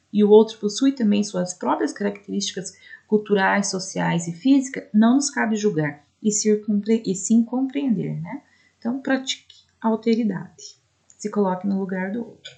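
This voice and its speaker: Gravelly-voiced Brazilian woman teaching a lesson. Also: medium pitch, darkish tone. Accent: Brazilian Portuguese. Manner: explanatory, frequent "né?" checks, spells out syllables slowly. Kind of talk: recorded lesson for adult students.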